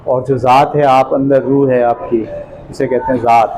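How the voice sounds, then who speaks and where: Mellow-voiced man lecturing a class. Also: mid-range voice, little pitch movement, slight background noise, poor audio. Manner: explains terms step by step, checks for understanding.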